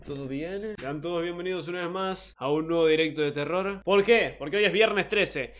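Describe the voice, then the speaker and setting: A man's voice: on the high side, moderate pace, fairly bright tone. A young man with an Argentine accent, joking and swearing often as he gives live commentary on a horror game. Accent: Argentine Spanish. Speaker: streamer.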